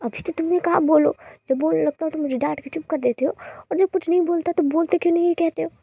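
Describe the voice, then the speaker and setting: A woman's voice: very high-pitched, steady tone, quick pace, vocal fry, warm tone, no echo, voice pushed up. A woman voicing a playful young male teacher who coaxes and pleads with his angry lover in a storybook reading. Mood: pleading coaxing. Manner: coaxing, pleading, teasing.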